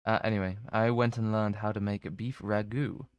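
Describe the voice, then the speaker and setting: A man's voice: on the low side, steady tone, a little fast, smooth, no echo. A young man chatting casually on a stream, rambling and self-mocking, with plenty of swearing. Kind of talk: casual chat.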